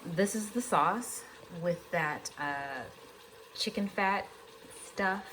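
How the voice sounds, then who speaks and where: Slow-talking woman in a cooking vlog. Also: mid-range voice, a bit bright, echoey room, slight background noise, poor audio. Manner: self-deprecating, chatty, talks while eating. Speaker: vlogger cooking at home. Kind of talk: casual cook-with-me vlog. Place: home kitchen.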